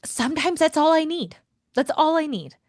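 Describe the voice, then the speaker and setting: A woman hosting a self-help podcast, talking in a chatty, expressive way and addressing listeners as friends. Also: high voice, moderate pace, dry recording, studio quality. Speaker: podcast host and life coach.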